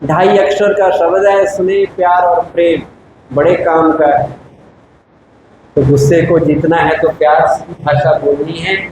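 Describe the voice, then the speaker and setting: A man with a high voice gives a spiritual discourse to a gathered audience, pressing his point with emphatic rhetorical questions and patient explanation. His voice rings through a heavily echoing hall. A steady hum of background noise sits under every word. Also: measured pace. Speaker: spiritual teacher. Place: large meditation hall.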